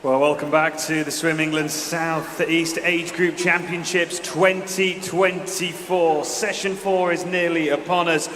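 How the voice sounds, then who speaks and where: A man's voice: on the high side, little pitch movement, measured pace, few pauses, a bit bright. A man working as event announcer, giving formal sports announcements over a PA in a large indoor pool hall. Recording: echoing, noisy hall with crowd.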